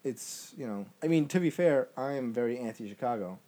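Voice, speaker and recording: A man's voice: medium pitch, animated, fairly quick, warm tone. A man with a mid-range voice co-hosts a loose sports podcast. He rambles, restarts, and loses track of names mid-sentence. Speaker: podcast co-host. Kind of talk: casual sports chat.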